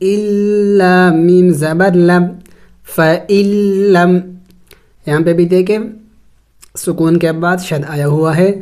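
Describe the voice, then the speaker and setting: A Quran tajweed teacher leads a step-by-step recitation lesson in a medium-pitched, darkish voice. Syllables are spelled out slowly, and then each rule is explained at a brisk pace.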